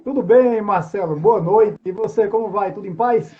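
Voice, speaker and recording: A man in his forties from João Pessoa, Paraíba, Brazil, chats informally as an interview guest, introducing himself in a Northeastern Brazilian accent and often finishing phrases with tag questions. His voice is high-pitched and his pace normal, heard through dull, lo-fi online-call audio.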